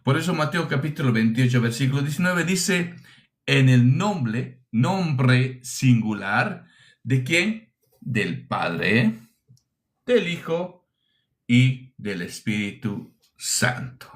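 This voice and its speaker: Slow, emphatic preacher man. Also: mid-range voice, big pitch swings. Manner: emphatic, with rhetorical questions and repeated phrases. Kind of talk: sermon teaching.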